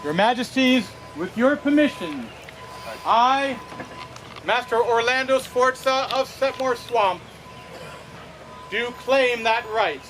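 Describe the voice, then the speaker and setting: A man giving a solemn, formal ceremonial oration in archaic phrasing, declaiming with dramatic pauses. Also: very high-pitched, animated, fairly bright tone. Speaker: ceremony speaker, order companion. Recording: outdoor recording with faint ambient noise.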